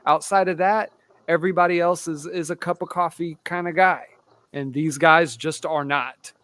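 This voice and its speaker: A man on a sports podcast panel, breaking down players and games in animated casual chat. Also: on the high side, normal speed, no echo.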